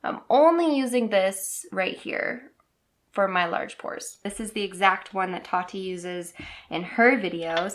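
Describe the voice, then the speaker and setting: A woman chatting casually and upbeat while she applies makeup in a beauty vlog. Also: mid-range voice. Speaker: beauty vlogger. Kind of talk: casual makeup tutorial chat.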